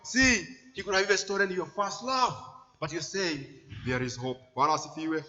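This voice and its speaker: Male preacher, high and bright, emphatic church sermon; dull, echoey hall recording. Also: animated, fairly quick. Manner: emphatic, repeats phrases, swings loud and soft.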